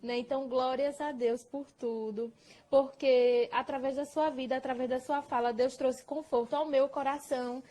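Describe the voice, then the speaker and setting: A woman's voice: sits high, fairly even intonation, moderate pace, mellow. A woman hosting a live chat, thanking her guest effusively with religious phrases and laughing often. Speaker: host of a mothers' live chat. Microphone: phone or laptop on a live video call.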